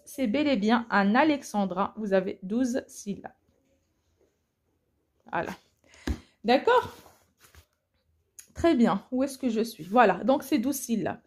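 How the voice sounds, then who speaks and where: A woman teacher walks through an exam correction at a very slow, deliberate pace, her voice a little high. She hesitates often and corrects herself mid-sentence. The sound comes from a phone recording. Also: darkish tone. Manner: slow, hesitant, many fillers and self-corrections. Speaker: French teacher. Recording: phone recording, voice slightly off-mic at times.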